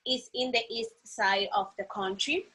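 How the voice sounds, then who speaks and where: A woman's voice: fairly high pitch, unhurried, bright, forceful tone. A woman from the Dominican Republic speaking English with a Dominican Spanish accent, chatting casually as an interview guest over a video call, leaning on "you know" and "like.". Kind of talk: casual chat. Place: San Pedro de Macorís.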